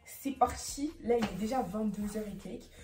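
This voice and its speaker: A woman, chatting casually to camera in a vlog, talking quickly with many fillers. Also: mid-range voice, noisy background. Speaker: vlogger.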